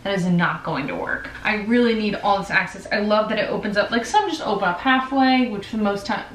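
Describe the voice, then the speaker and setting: A woman's voice: medium pitch, brisk, a little hiss or hum. A woman in her twenties chatting casually and upbeat in a bedroom vlog. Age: 20s. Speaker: vlogger. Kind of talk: casual chat. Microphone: far camera. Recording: roomy, from a distance.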